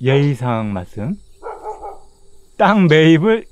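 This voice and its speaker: A man's voice: on the high side, big pitch swings, takes it slowly, dull audio, slight background noise. An actor playing a blunt, suspicious middle-aged village man with a Jeju accent, confrontational and exclamatory, in a web drama. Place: outdoors in a grassy field.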